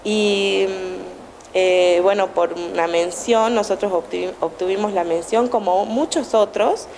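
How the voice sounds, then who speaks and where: An Argentine woman who teaches answers a news interviewer's questions at a school event indoors, speaking into a handheld TV station microphone held close. She uses many fillers and restarts, and her medium-pitched, darkish voice keeps a measured pace. A faint hiss or hum is present.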